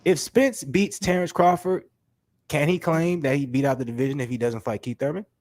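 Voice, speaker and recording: Hosting a laid-back boxing talk show despite a stuffy nose, this man talks in lively, slang-heavy bursts peppered with "you know what I'm saying." His voice is a little high and fairly quick, and there's no room sound.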